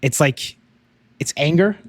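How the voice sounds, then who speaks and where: A man's voice: a little high, measured pace, dry recording. A young man co-hosting a faith podcast, telling his testimony in an earnest, casual way with frequent "um" and "like". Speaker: podcast co-host.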